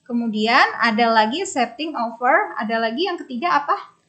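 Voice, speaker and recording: A woman English teacher, explaining phrases in class and repeating them slowly for drilling. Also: on the high side, expressive, fairly bright tone. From Indonesia.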